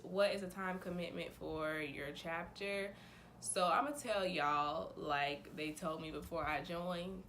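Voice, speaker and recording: Woman in her 20s, bubbly sorority-girl enthusiasm, slightly low pitch, casual vlog chat, some background noise. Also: a bit bright. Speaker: vlogger, sorority member.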